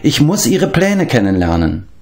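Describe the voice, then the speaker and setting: A man reading an audiobook, voicing a noble adult male prince and war leader who speaks in a measured, commanding way. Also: mid-range voice, sing-song, a little mellow, voice pushed up.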